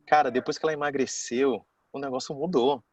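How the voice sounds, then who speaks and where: A man's voice: medium pitch, fairly even intonation, fairly quick, darkish tone, slightly rough, no room sound, highs cut off. A man, telling a personal story to a class in a casual, chatty way and acting out the people he quotes. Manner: chatty, keeps saying "cara".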